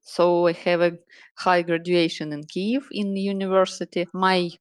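A Ukrainian woman in her thirties, a salon owner and project manager, answering interview questions in careful, halting English with many pauses. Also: lowish voice, flat delivery, smooth, no room sound. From Ukraine, Donetsk region. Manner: earnest, halting non-native phrasing with many pauses.

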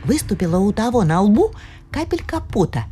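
A woman narrating a folk tale in an expressive telling. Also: medium pitch, normal speed. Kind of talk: storybook narration. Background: faint music.

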